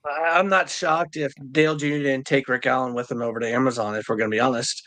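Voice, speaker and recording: A man's voice: mid-range voice, steady tone, fast talker, fairly bright tone. A man co-hosting a casual podcast, rambling easily and restarting his sentences. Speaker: podcast co-host. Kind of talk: casual chat.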